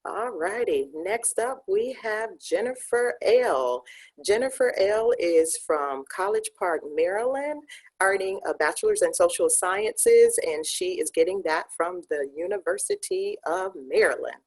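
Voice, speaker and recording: A woman's voice: mid-range voice, sing-song, a little slow, darkish tone. A woman hosting an online graduation ceremony, announcing graduates in an upbeat, casual way with many fillers. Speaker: ceremony host.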